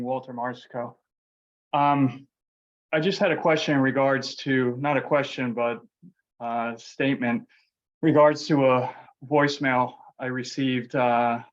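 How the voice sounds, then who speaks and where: Man, public commenter calling in, combative and accusing, muffled lo-fi call audio that breaks up. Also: medium pitch. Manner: confrontational, accusing. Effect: remote call audio breaking up. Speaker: resident speaking at public comment. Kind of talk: public comment at a council meeting. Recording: dull lo-fi remote call line.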